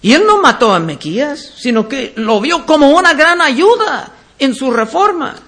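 A man preaching a verse-by-verse Bible teaching sermon, reading scripture aloud and then explaining it deliberately. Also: extremely high pitch, very animated, sharp tone.

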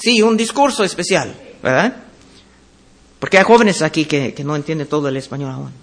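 A man preaching a sermon, reading Bible verses aloud and explaining them, slowing down on key words. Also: on the high side, a bit bright.

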